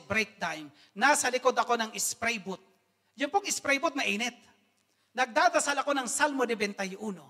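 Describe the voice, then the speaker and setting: Middle-aged man from the Philippines, lay preacher giving a testimony; very high, bright and forceful voice, earnest and rousing. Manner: earnest, addresses the congregation as brethren, mixes English phrases; swells to loud exhortation. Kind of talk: testimony sermon.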